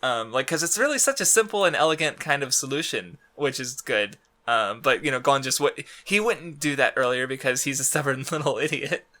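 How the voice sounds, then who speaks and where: A man's voice: medium pitch, lively intonation, a little fast, hardly any pauses, pushed and bright. A man co-hosting a podcast in casual chat, rambling through fillers and restarts and laughing often. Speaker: podcast co-host.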